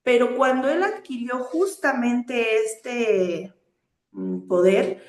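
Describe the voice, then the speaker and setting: A woman with a high-side, animated voice takes her time delivering an earnest, teaching sermon. She uses rhetorical questions and often drops hesitant fillers between phrases, and the room sounds echoey.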